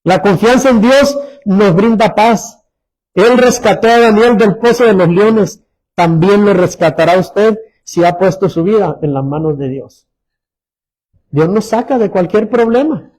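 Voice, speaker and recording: A male pastor preaching a sermon, asking the congregation questions and reading scripture aloud slowly. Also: high voice, darkish tone, rough recording.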